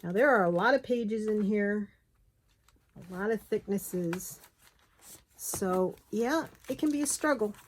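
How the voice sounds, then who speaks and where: Taking it slowly with long pauses, a woman with an expressive, medium-pitched, breathy-edged voice shows how to do bookbinding. It's a casual hands-on tutorial with chatting, self-talk and apologetic asides, captured by a close phone camera.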